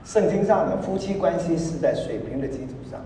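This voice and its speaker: A man's voice: fairly high pitch, brisk, a little hiss or hum. A middle-aged man preaching a sermon as pastor, joking and laughing as he goes. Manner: animated, joking, laughs often. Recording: echoey hall from far off.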